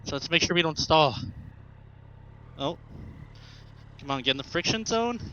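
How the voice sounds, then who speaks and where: A man's voice: a little high, lively intonation, normal speed, sharp tone. A young American man chatting casually and ramblingly as he rides, talking from inside a motorcycle helmet. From Arkansas, United States. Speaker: motovlogger, new rider. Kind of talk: casual vlog chat while riding. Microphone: helmet headset mic into an action camera. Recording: muffled helmet mic with engine and road noise.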